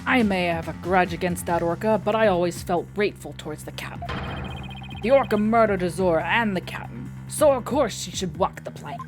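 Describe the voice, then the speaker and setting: A woman's voice: lowish voice, natural voice. A woman doing a swaggering pirate rapper man. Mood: gruff. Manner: slow drawled pirate talk with "arr" and "be". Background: game music.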